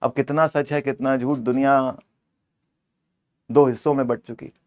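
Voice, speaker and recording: Guy teaching accounts, jokey, tells off the wrong options, mid pitch voice. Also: level tone, a little slow, darkish tone, highs cut off. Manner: playful, scolds answer options, switches between Hindi and English. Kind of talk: exam-prep lecture.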